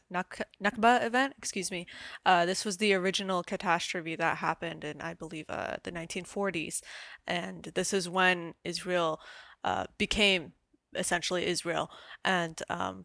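A young woman from the United States speaks as a guest on a radio interview. Her voice sits a little low, and she talks earnestly with fillers and restarts. The recording is dry and close. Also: a bit bright, no echo. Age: young adult. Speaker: community organizer guest.

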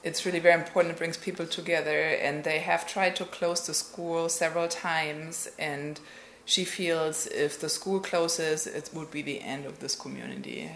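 A woman's voice: deep voice, fairly even intonation, moderate pace, fairly bright tone, reverberant, a little hiss or hum. A woman interpreting for a local resident in a hesitant, conversational way. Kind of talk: casual interpreting.

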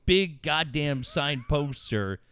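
A man's voice: a little high, animated, takes it slowly, a bit bright, smooth. A middle-aged man from Southern California hosting talk radio, rambling and swearing in casual banter. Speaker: radio show host.

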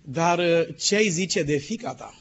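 A male pastor preaching a sermon emphatically, sometimes dropping to a hushed tone. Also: a little high, lively intonation, a little hiss or hum. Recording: dull lo-fi sermon recording.

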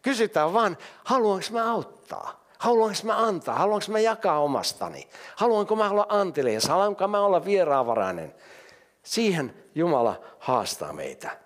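A man's voice: high voice, big pitch swings. An older man preaching a sermon, asking emphatic rhetorical questions and reading scripture aloud.

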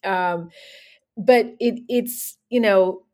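A middle-aged woman from the San Francisco Bay Area, a physician and co-author, speaks in an interview conversation. She is reflective and measured, uses many fillers, and has a mellow, medium-pitched voice.

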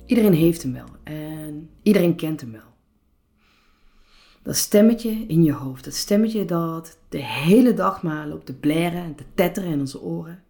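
A woman hosting a solo podcast as a personal coach, speaking calmly and reflectively with some hesitations. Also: low voice, moderate pace, vocal fry, faint music behind.

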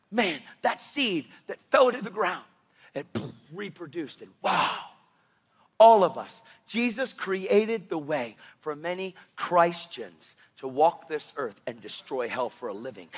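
High-voiced, impassioned male preacher. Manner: animated, impassioned preaching with sudden loud bursts. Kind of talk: sermon.

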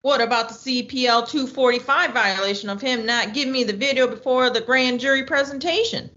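A woman's voice: a little high, pushed and bright. A woman voicing a feisty defense lawyer who argues indignantly in country talk. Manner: indignant, rapid legal arguing, country talk. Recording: muffled lo-fi audio.

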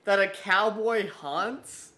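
A woman's voice: medium pitch, slow pace, background noise. A woman co-hosting a casual chat, reacting informally with questions and an incredulous manner. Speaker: podcast co-host.

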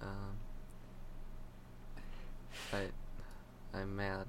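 A man's voice: low voice, monotone, drawn-out words, noisy background. A young man co-hosting a casual podcast, talking in a dry, offhand, joking way. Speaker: podcast co-host.

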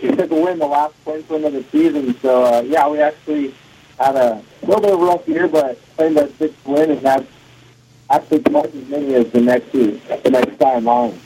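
A man's voice: fairly high pitch, steady tone, moderate pace, mellow, a little hiss or hum. Man calling in over the phone. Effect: heard over a phone line. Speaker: off-road racer calling in as guest. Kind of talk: phone-in interview.

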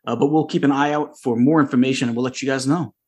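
A man's voice: medium pitch, fairly even intonation, quick pace, darkish tone. A man hosting a podcast, reading news and interviewing a guest in an upbeat, joking way. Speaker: podcast host. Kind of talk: casual podcast chat.

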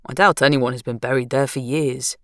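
A woman narrator voicing a calm, patient husband, speaking easily and affectionately. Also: rumbling low, brisk, no room sound, studio quality. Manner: easy, soothing, affectionate.

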